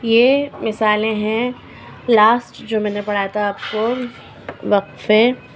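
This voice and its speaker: A woman teaching Quran recitation rules in a patient lesson. She repeats each example word slowly and checks in her learners often. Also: medium pitch, fairly even intonation, slight background noise.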